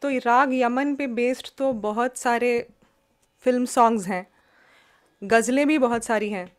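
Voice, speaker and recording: A woman's voice: fairly high pitch, measured pace. A woman teaching music in a webinar, explaining in Hindi and English and singing demonstration syllables and song lines. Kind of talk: webinar lesson with sung examples. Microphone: video call.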